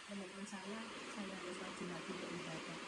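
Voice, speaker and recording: A woman's voice: fairly low pitch, fairly even intonation, normal speed. A woman in her sixties giving an earnest, devout personal testimony about her volunteer work, in a home visit. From Indonesia. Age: 60s. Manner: earnest, emotional and devout storytelling. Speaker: hospital patient-escort volunteer. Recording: roomy with loud background noise.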